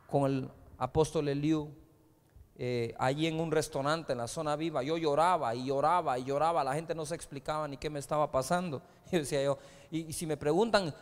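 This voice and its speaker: A male pastor preaching a sermon, telling stories in a conversational way with frequent rhetorical asides. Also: fairly high pitch. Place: large church hall. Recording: live church hall reverb.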